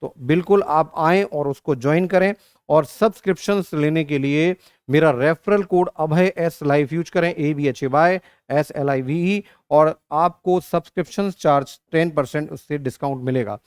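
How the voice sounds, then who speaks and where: A man's voice: on the high side, moderate pace, smooth, no echo, studio quality. A man teaching an exam-prep lesson, working through arithmetic step by step and asking and answering his own questions, calling students "beta". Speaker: online reasoning teacher.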